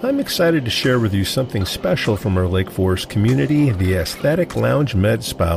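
A man's voice: fairly low pitch, creaky. A man hosting a podcast, reading scripted sponsor messages. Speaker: podcast host.

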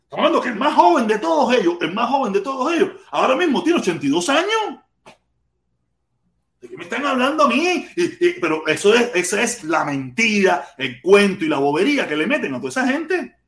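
A man with a Cuban Spanish accent hosts a live podcast in a heated, profane rant. He keeps hammering the same phrases and firing off rhetorical questions, his voice pitched high. The room around him is echoey and reverberant. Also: very animated, a little fast, fairly bright tone. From Cuba. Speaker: podcast host.

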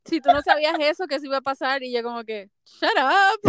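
Una mujer con acento puertorriqueño que cuenta anécdotas en charla casual, directa y animada, mezclando frases en inglés. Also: female voice, high voice, very fast, dry recording, studio quality. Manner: blunt, animated storyteller, mixes English phrases. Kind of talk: casual chat.

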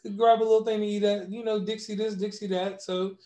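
A man with a West Virginian accent co-hosting a casual podcast chat, telling animated stories and repeating words for emphasis. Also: high-pitched, quick pace, reverberant. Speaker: podcast co-host.

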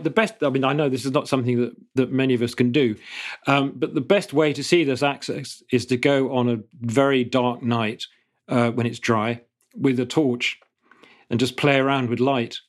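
A middle-aged man speaks as an archaeologist guest, answering questions in an explanatory way. He pauses and restarts, then settles into fluent, careful explanation. His voice sits at an ordinary male pitch. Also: steady tone.

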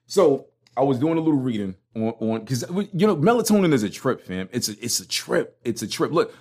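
Very animated and brisk, a man with a medium-pitched, darkish voice runs a solo podcast in a casual, conversational style. He's a Brooklyn, New York native with the accent to match, and his talk is slangy and emphatic.

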